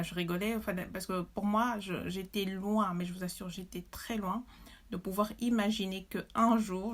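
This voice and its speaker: A woman from Belgium, telling her story as a mother, emotional and indignant, with many hesitations. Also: mid-range voice. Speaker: mother testifying. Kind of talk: personal testimony to camera.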